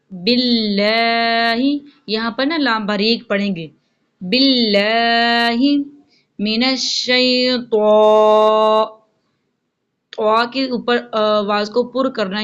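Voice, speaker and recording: A woman teaching Quran recitation rules step by step, patiently explaining and slowly drawing out each recited word. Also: mid-range voice, fairly bright tone, lo-fi sound. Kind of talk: spoken lesson with recited examples.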